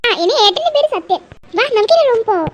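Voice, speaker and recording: A breezy, chatty young daughter visiting home in a cartoon, voiced by a woman. Her voice sits very high and light. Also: sing-song, fast talker. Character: cheerful young married daughter. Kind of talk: cartoon voice acting.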